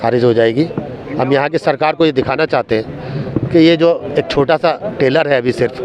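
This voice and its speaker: A man giving an earnest, forceful protest statement to a reporter in long, building sentences. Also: medium pitch, normal speed. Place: outdoors at a street sit-in. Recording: muffled street recording with crowd noise.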